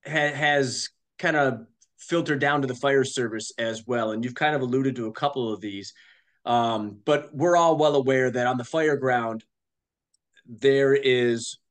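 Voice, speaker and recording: A man hosting a podcast, asking questions in a hesitant way with many fillers. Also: medium pitch. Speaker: podcast host. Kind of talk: casual interview questions.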